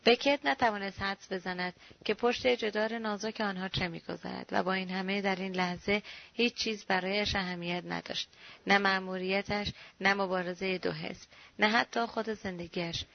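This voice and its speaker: Gravelly woman narrating a novel. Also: medium pitch. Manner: measured, steady storytelling. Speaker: audiobook narrator. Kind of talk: scripted narration. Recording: dull, dry lo-fi recording.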